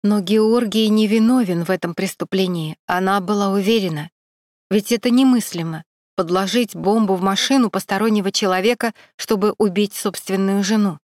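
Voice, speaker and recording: A woman narrating an audiobook in a steady, even storytelling manner. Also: medium pitch, normal speed, no room sound, studio quality. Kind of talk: scripted narration.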